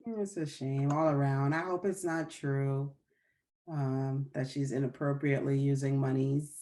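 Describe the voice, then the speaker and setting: A woman with a low voice rambles drunkenly through a casual rant. She stalls and picks her thread back up in a loose, tipsy way, like a co-host among friends. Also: steady tone, unhurried, mellow. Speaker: podcast co-host.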